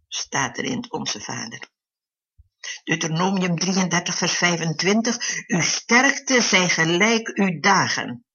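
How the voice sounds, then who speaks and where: Bright husky preacher, earnest devotional talk, muffled lo-fi sound. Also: medium pitch. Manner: earnest, with slowed emphasis on key phrases. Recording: dull lo-fi recording.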